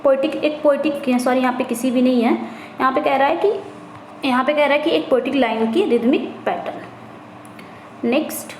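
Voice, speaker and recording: A woman tutor giving an exam-prep lesson, explaining each question in Hindi and reading the English lines out slowly, often repeating herself and correcting small slips. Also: sits high, darkish tone. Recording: echoey room, faint background noise.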